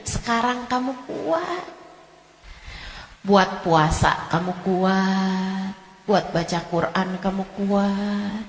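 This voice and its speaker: A woman preacher giving an impassioned sermon who voices imagined complainers and builds up to shouting. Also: mid-range voice, echoey room, big-room sound.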